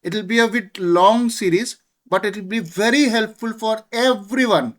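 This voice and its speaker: A woman with a medium-pitched voice gives an explanatory lecture on astrology, speaking slowly and deliberately and switching between two languages.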